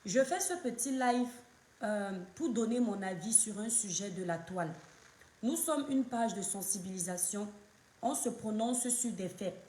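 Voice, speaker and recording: A woman from Cameroon, hoarse from a cold, hosting a casual live stream and greeting viewers by name over and over. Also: mid-range voice, animated, unhurried, mellow, echoey room.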